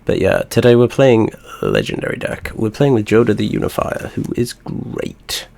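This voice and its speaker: A man with a nasal, stuffed-up voice from a cold, hosting a relaxed gaming video with easygoing, rambling chatter. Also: fairly low pitch, moderate pace, gravelly. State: congested, stuffy nose from a cold. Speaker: host. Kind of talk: casual gaming commentary.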